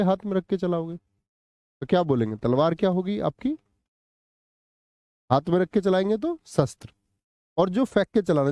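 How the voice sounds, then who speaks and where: Male teacher on a live exam-prep stream, keeps questioning the class; higher pitch, warm and mellow, dry room. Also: dry recording. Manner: quizzes students with repeated questions, answers live chat. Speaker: Hindi teacher.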